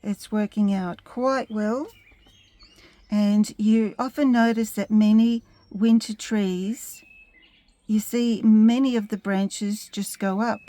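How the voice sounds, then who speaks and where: A woman giving a step-by-step painting tutorial in a gentle, unhurried instructing manner. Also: medium pitch, steady tone, no room sound.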